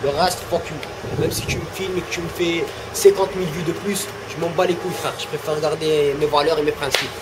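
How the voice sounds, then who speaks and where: A man's voice: on the high side, steady tone, fairly quick, few pauses, background noise. A male rapper talking bluntly and with swearing in a casual interview, then rapping a freestyle. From Algeria.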